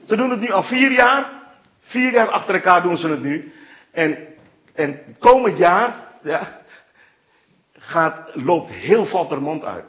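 Guy preaching, lively storyteller voice, a bit high, dull lo-fi sound. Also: slow, long pauses. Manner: animated storytelling with frequent "ja" and "hè". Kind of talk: sermon.

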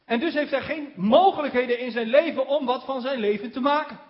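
Man with a very high voice, sermon delivery, stretches key words for emphasis, dull lo-fi recording. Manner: slows down on key words for emphasis, with small chuckles. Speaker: preacher.

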